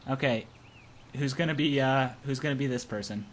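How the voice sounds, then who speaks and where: A young man narrates a visual novel aloud as an amateur, hamming it up with a playful mix of dramatic reading and jokey asides. His mid-range voice runs a little fast. The amateur home recording has clear background noise.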